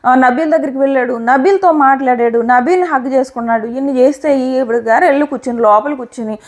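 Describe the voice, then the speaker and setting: A woman giving an opinionated, animated review of a reality show episode. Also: sits high, quick pace. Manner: animated, opinionated retelling with quoted lines. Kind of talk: casual commentary.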